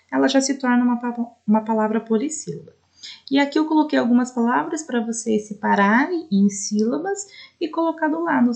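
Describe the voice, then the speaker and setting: A woman's voice: a little high, gravelly, a little mellow. A woman teacher with a Brazilian accent, explaining a recorded lesson for adult students and often checking in with "né?". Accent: Brazilian Portuguese. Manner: explanatory, frequent "né?" checks, spells out syllables slowly.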